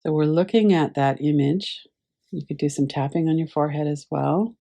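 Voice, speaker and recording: A woman teaching a class over a video call, gently guiding listeners through a visualization with unhurried pauses. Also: low-pitched, steady tone, gravelly. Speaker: meditation teacher.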